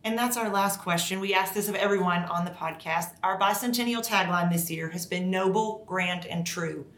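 A woman hosting a podcast, asking clear, friendly questions to her guest. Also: fairly low pitch, normal speed, roomy sound. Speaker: podcast host. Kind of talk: podcast interview and sponsor read. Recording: loud background noise.

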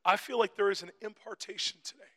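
A man preaching a sermon in short phrases for an interpreter, building to shouted crescendos. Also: sits high, fairly even intonation, a little fast. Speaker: guest preacher. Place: church hall. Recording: echoey church hall reverb.

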